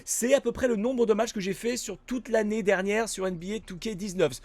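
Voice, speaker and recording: A man giving casual gameplay commentary as a gaming YouTuber, chatty, swearing casually and bursting out loud at big plays. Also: sits high, fairly even intonation, brisk, no room sound.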